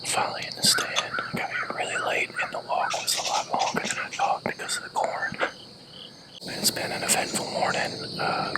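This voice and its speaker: A man quietly whispering a morning update to the camera from a tree stand outdoors. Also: rough recording. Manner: hushed and quiet.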